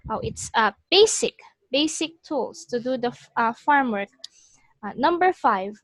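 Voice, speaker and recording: Slow, higher-pitched woman teaching pronunciation. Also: expressive, fairly bright tone, no echo. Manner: instructing, repeats words and phrases for the learner. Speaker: English teacher. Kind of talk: one-on-one pronunciation lesson.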